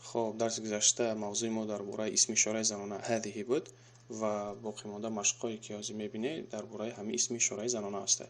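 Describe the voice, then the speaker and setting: Patient Tajik-accented Arabic teacher. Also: male voice, fairly low pitch, little pitch movement. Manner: patient, reads each example slowly twice then translates. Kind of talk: recorded grammar lesson.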